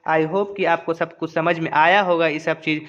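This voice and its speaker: A man teaching Quran reading slowly and patiently, drilling syllables one by one and checking that viewers understood. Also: fairly high pitch, steady tone, fairly bright tone, dull audio. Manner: asks "understood?" often. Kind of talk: slow step-by-step recitation lesson.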